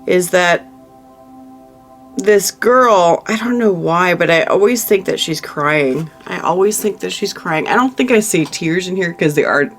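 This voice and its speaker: Tarot reader, mid pitch, consoling and emotional, thinks aloud with restarts, soft music behind. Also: unhurried. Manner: frequent restarts and trailing-off phrases. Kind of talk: monthly tarot reading, talking to the viewer.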